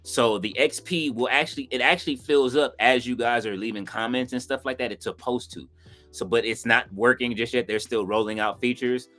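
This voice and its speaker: A man's voice: medium pitch, brisk, faint music behind. Chatty man hosting a stream. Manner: loose and chatty, fillers like "you know what I'm saying"; bursts of excited reaction. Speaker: watch-along stream host. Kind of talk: casual live-stream chat, reading viewer comments.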